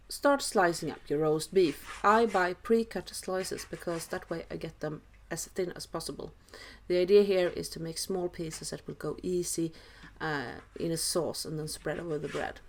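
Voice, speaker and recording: A woman from Sweden, speaking with a Swedish accent, is a home cook hosting a casual cooking tutorial voice-over full of dry, self-deprecating humour. Her voice is low and her speed normal.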